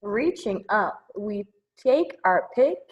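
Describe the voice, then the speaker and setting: With a medium-pitched, slow voice, a storytime leader reads a picture book to young kids, singsong and expressive with chatty asides. The highs in the recording are cut off.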